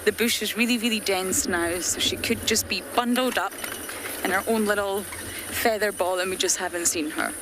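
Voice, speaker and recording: A woman's voice: mid-range voice, normal speed. A woman from Scotland with a Scottish accent, a safari guide chatting earnestly to viewers during a live game drive. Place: open safari vehicle outdoors in the bush at dusk. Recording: outdoor bush ambience and vehicle noise.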